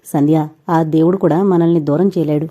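A woman's voice: sits low, fairly even intonation, normal speed, dark tone. A woman voicing a heartbroken young man who pleads and accuses, in an audio novel. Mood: pleading, anguished. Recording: dull lo-fi recording.

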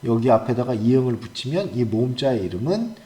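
A man's voice: medium pitch, animated, a little fast, warm tone, reverberant. A man teaching young children, cheerfully leading them through a call-and-response chant while they clap along. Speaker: elementary school teacher. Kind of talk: children's lesson.

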